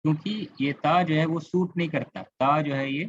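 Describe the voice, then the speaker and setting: A man's voice: on the high side, steady tone, normal speed, a little hiss or hum. A man with a Kolkata Indian accent gives an online grammar lesson over a computer microphone. He explains step by step, repeats key words and stops to quiz his students. The audio is slightly dull and lo-fi. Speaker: Arabic grammar teacher. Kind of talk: online class lecture. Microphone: computer mic on a video call.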